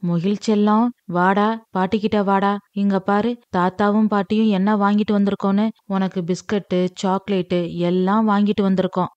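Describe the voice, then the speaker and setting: A woman's voice: mid-range voice, flat delivery, normal speed, darkish tone, dry recording, muffled recording, natural voice. A woman voicing an older mother who coaxes a small grandson. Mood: coaxing. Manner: coaxing, sing-song. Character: scheming older mother, coaxing.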